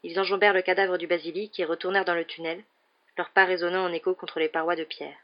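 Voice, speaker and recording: Woman audiobook narrator, low voice, measured, muffled lo-fi recording. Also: flat delivery. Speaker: audiobook reader.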